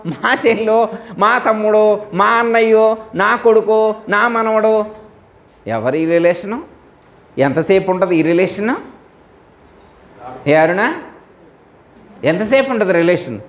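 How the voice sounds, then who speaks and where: A man's voice: high-pitched, a bit bright. A man giving a spiritual discourse, asking his listeners question after question and acting out the dialogue of the story. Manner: asks listeners rhetorical questions, acts out dialogue. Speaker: spiritual teacher. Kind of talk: Telugu religious discourse.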